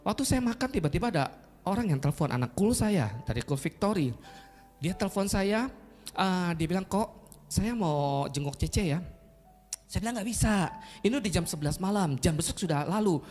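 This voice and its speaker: A man's voice: sits high, expressive, moderate pace, a little mellow, faint music behind. A middle-aged male pastor giving an emotional sermon testimony, speaking directly to his congregation as he recounts events.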